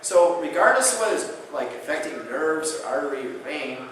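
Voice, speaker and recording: A man with a somewhat high voice lectures at a conference, swapping between anecdote and acted-out dialogue. He sounds distant from the microphone, and a very reverberant hall carries his words. A faint hiss sits underneath. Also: sing-song, a little fast, fairly bright tone. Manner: anecdotal, acts out dialogue in storytelling. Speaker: chiropractic lecturer. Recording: echoey hall, distant mic, faint noise.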